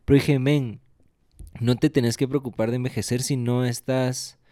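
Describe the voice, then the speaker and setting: A man's voice: mid-range voice, level tone, moderate pace, dark tone, no room sound, clean studio sound. A young man, chatting casually and dropping English slang into his Spanish. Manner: mixes English slang like bro and men. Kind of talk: casual chat.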